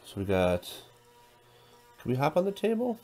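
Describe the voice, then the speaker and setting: A man's voice: fairly high pitch, huge pitch swings, normal speed, faint music behind. A man casually talking through a tabletop game playthrough, counting dice aloud and reading the game text. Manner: counts dice out loud, thinks through moves.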